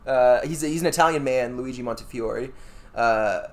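A man co-hosting a podcast speaks at an ordinary middle pitch. He hesitates often, repeating words and restarting his sentences as he goes. His delivery stays informal and conversational. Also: normal speed. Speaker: podcast co-host. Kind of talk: casual chat.

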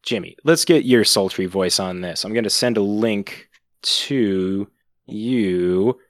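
A man's voice: lowish voice, takes it slowly, dry recording, clean studio sound. A man co-hosting a podcast who makes cheese puns and explains the topic in casual banter. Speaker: podcast co-host.

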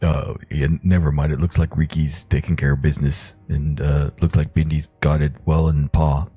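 Brief: male player, extremely deep, husky, lo-fi mic. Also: little pitch movement, normal speed, dark tone. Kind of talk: tabletop game play.

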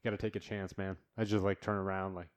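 A man's voice: deep voice, level tone, quick pace, clear, resonant tone. A man hosting a solo podcast from his new home studio, rambling bluntly and swearing freely. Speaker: podcast host.

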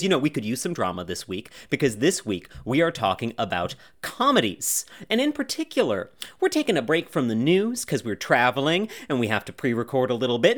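A man hosting a TV podcast, joking and rambling with lively asides, recording remotely from a cabin in the woods. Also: medium pitch. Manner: jokey, animated, rambling asides. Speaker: podcast host. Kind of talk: casual podcast chat.

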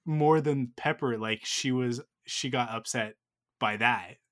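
A man's voice: mid-range voice, takes it slowly, fairly bright tone. A man in his thirties telling a long personal story in casual chat, full of fillers and restarts. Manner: rambling, filler-heavy storytelling.

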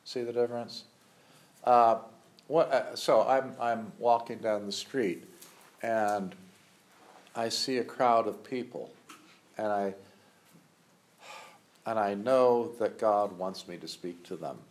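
A man's voice: on the low side, fairly even intonation, slow pace, pauses often. Man lecturing, asking "you see?". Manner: thinks aloud with fillers, often checks understanding. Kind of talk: classroom theology lecture.

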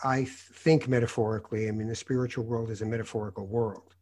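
Husky guy from north africa, journalist host, tells stories all animated, lots of uhs. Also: on the low side, fast. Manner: animated anecdotes, hesitant fillers. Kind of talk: conversational interview storytelling.

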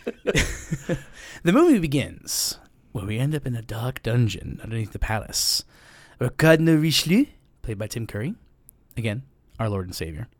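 Man, podcast co-host, casual banter, self-mocking, expressive intonation. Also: medium pitch, moderate pace, no room sound. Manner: laughing, self-deprecating, swears freely. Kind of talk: casual chat.

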